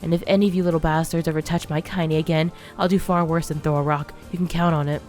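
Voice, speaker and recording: A woman's voice: on the low side, normal speed, faint music behind, close to an everyday voice. A woman voicing a small, tough old grandmother who speaks bluntly and threatens bullies in folksy talk. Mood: menacing. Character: fierce gravel-tongued old grandmother, small but tough.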